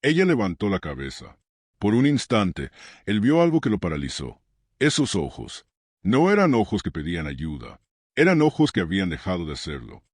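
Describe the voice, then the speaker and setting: Deep-voiced male story narrator. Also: no room sound, studio quality. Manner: measured, dramatic pauses.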